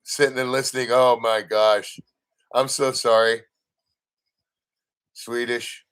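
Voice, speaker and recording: A man's voice: mid-range voice, level tone, slow pace, fairly bright tone, smooth. A man hosting a casual livestream, chatting loosely with viewers, with plenty of fillers and restarts. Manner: rambling, chatty, playful with viewers. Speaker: livestream host.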